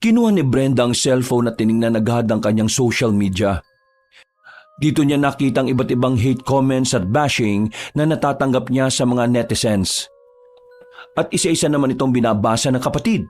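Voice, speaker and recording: A man giving steady, dramatic scripted narration of a horror story. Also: medium pitch, moderate pace.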